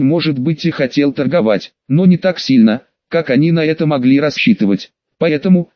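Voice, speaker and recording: A man's voice: a little high, no room sound, dull audio. A man reading a scripted audiobook narration into a close microphone.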